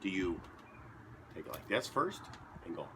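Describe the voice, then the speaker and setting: A man talking to camera from his basement in a rambling, deadpan way, joking as he goes and chewing as he talks. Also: low voice, moderate pace, slight background noise. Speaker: vlogger. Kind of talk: casual rambling monologue to camera.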